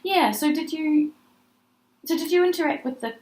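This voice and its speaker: A woman's voice: sits high, expressive, normal speed, darkish tone. A young woman, interviewing casually and giving short encouraging responses. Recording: echoey, noisy room.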